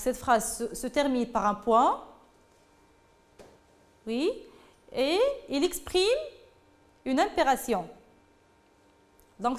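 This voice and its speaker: A woman teaching a French grammar lesson, talking patiently to pupils and repeating phrases as she goes. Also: sits high.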